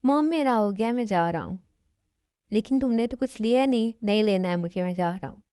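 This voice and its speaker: A woman's voice: medium pitch, lively intonation, brisk, dark tone, smooth, natural voice. A woman dubbing the part of a cold, threatening young mafia man who gives curt commands. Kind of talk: fan Hindi dub of a love story.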